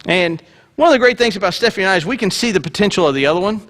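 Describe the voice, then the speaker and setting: Middle-aged male preacher, lively self-mocking storyteller, very expressive pitch. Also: rapid-fire. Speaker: pastor. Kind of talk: sermon.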